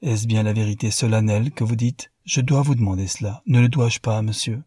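A man reading the part of an elderly woman servant, pleading and deferential in manner, husky and dry. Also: fairly low pitch, steady tone, fairly quick, dark tone, no echo. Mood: anxious pleading.

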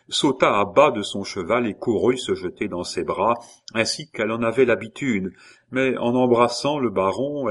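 A man narrating a classic novel in a measured, expressive reading. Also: on the low side, slightly rough. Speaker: audiobook narrator.

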